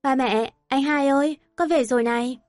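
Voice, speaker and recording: A cheerful, chirpy young woman home for a visit in an audio story, voiced by a woman narrator. She talks quickly in a bright, high voice. The recording is dry and close. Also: no room sound, soft background music, lightly acted.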